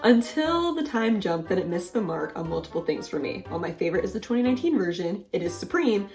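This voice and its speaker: A woman's voice: medium pitch, big pitch swings, quick pace, a little mellow, faint music behind. A woman hosting her own vlog, chatting animatedly and laughing at her own jokes while telling stories from her desk at home. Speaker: vlogger host. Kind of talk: casual vlog chat.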